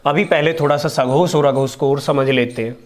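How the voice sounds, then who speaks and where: A young man teaching a grammar lesson, speaking slowly and repeating each sound for his pupils to copy. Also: mid-range voice. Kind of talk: online Hindi grammar lesson.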